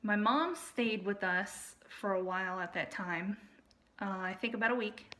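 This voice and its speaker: An adult woman tells a personal story about her family in casual, unscripted speech. Her voice is bright and tense at an average female pitch, and she lays out each point deliberately with an aggrieved edge.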